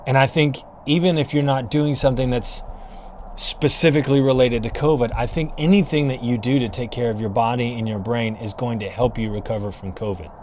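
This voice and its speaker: A man's voice: mid-range voice, fairly even intonation, fairly quick, darkish tone, slight background noise. A man hosting his own podcast outdoors in the cold, talking in an earnest, encouraging way with frequent restarts. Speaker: podcast host. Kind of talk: casual solo podcast talk. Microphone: camera and mic, filming himself.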